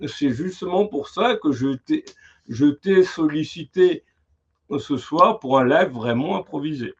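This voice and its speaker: Husky halting male host, muffled. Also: a little high, lively intonation. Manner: halting, searching for words. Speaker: interviewer, live show host. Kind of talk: casual live-stream chat. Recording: muffled lo-fi sound.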